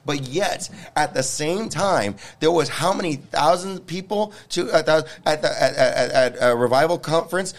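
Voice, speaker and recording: Fervent man preaching revival, higher-pitched. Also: moderate pace, few pauses. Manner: repeats words and phrases for emphasis. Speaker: preacher and panel host.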